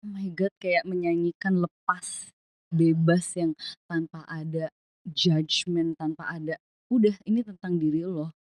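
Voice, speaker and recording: Young woman on a podcast, low-ish voice, thoughtful, mixes in english, dry close sound. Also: fairly even intonation, unhurried, no room sound. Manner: reflective, mixing English phrases into Indonesian. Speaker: podcast guest, singer. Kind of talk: casual podcast conversation.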